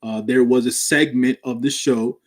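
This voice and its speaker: A man co-hosting a podcast, giving measured, hedging commentary in casual chat. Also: mid-range voice, fairly even intonation. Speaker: podcast co-host.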